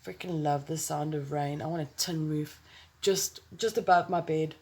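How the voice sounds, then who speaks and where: A woman's voice: low voice, steady tone, normal speed, darkish tone, breathy edge. A woman with a South African accent giving a casual, chatty makeup tutorial to camera, rambling and playful, speaking close to her phone. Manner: chatty, rambling, playful with exclamations and sound words.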